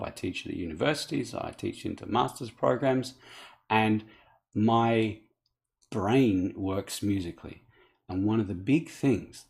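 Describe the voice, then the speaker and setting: Low gravelly-voiced man teaching pronunciation. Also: a little mellow. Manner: conversational, instructive, with small restarts. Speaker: animation and English pronunciation teacher. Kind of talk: explaining to camera.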